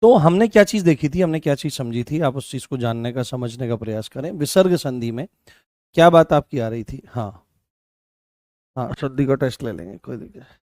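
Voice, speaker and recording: A man's voice: mid-range voice, animated, brisk, darkish tone, no echo, clean studio sound. A man teaching a live online class, repeating key points and asking his students questions.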